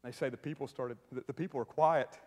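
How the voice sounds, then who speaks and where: A man preaching a sermon to his congregation, animated and joking, tossing in frequent "right?" asides as he talks. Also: mid-range voice, fast. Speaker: pastor. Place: church sanctuary. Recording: long reverb of a large hall.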